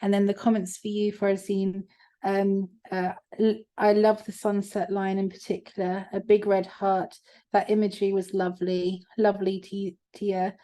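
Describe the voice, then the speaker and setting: A woman co-hosting an online arts event, her voice mellow and relaxed in tone. She speaks casually with frequent ums while reading out comments and passing to the next guest. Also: medium pitch, normal speed. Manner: warm thanks, many ums, reading out comments. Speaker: event co-host.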